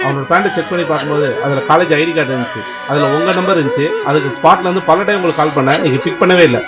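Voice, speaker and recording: An actor in a short film playing a brisk, stern police sub-inspector who speaks officially and reproaches a careless father. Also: fairly high pitch, close to an everyday voice. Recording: film audio with loud music.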